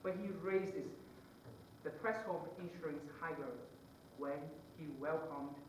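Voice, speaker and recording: A young man from Vietnam, giving an earnest, halting closing argument to a jury in a mock trial. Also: a little high, noisy background. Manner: earnest, halting, with many pauses between phrases. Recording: echoey room, voice far from the mic.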